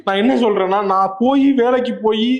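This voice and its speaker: A man's voice: high-pitched, brisk, reverberant, crowd noise. A man in a comedy sketch, speaking in an earnest, melodramatic way to a partner.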